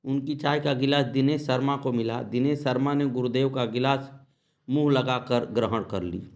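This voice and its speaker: A man narrates devotional stories at a steady, measured pace. He drops into a soft murmur for brief invocations between episodes, and his voice sits at an average pitch for a man. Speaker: devotional storyteller.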